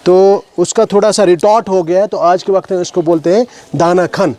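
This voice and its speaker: Kashmiri man, high voice, outdoor heritage walk leader, explains slowly to kids, questions them. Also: fairly even intonation, warm tone. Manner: explanatory, asks questions of the children, mixes in English words. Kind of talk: outdoor talk to schoolchildren. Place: outdoors at a stone heritage site.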